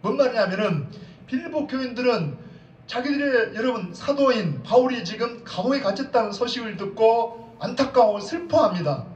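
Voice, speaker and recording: High-voiced male pastor preaching in an echoey sanctuary. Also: animated, normal speed. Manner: preaching with call-and-response questions to the congregation. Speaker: senior pastor. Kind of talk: sermon. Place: church sanctuary. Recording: distant echoey church sound, slightly dull.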